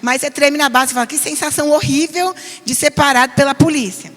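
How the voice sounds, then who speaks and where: A middle-aged woman pastor with a São Paulo Brazilian accent, teaching a parenting class in an earnest, animated way. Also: high-pitched, a little fast, soft background music. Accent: Brazilian Portuguese, São Paulo. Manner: earnest, animated, mimics nagging voices. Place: church hall. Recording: long reverb of a church hall.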